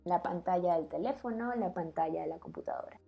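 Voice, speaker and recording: A woman co-hosts a relaxed podcast, explaining things patiently. She laughs easily. Soft music plays faintly underneath. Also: fairly low pitch, fairly quick, gravelly, muffled recording. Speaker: co-host explaining language. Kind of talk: casual podcast chat.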